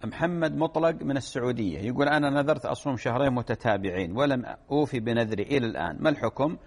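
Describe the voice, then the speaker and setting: A middle-aged man, an Islamic scholar, giving steady, explanatory answers to listener questions and quoting scripture on a religious Q&A program. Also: medium pitch, rapid-fire.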